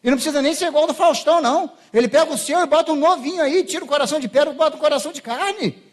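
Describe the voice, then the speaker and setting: Male Brazilian pastor, high-pitched, conversational sermon in church, plays scenes out. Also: very fast. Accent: Brazilian Portuguese. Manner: conversational, acts out voices of biblical figures.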